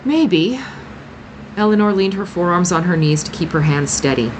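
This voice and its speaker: A woman's voice: lowish voice, quick pace, slight background noise, low-quality recording. A woman narrating first-person fiction aloud as an audiobook, reading expressively and voicing each character.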